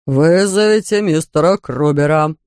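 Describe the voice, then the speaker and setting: A reader voicing a stern, pompous older male judge who speaks slowly and gruffly. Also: medium pitch, darkish tone, dry recording, studio quality, lightly acted. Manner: slow, gruff, barking.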